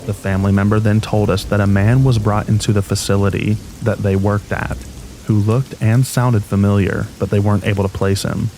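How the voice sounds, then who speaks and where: Low-voiced man narrating scary stories over rain. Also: slight background noise. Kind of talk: scripted horror story narration for sleep. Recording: steady rain sound behind voice. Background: rain ambience.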